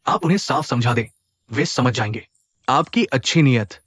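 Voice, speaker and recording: A man's voice: mid-range voice, lively intonation, moderate pace, a bit bright. A man voicing a loyal older aide who earnestly explains family matters. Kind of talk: Hindi drama dubbing.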